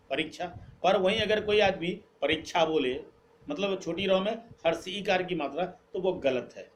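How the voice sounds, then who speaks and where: A man's voice: sits high, slight background noise. A man teaching a grammar lesson, asking the class questions, then answering them and repeating the key words. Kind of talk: classroom-style lesson, quizzing students.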